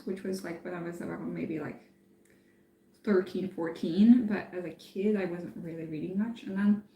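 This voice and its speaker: A woman who grew up in France, chatting casually on a live stream and thinking aloud with many pauses and fillers. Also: medium pitch, mellow. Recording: echoey room.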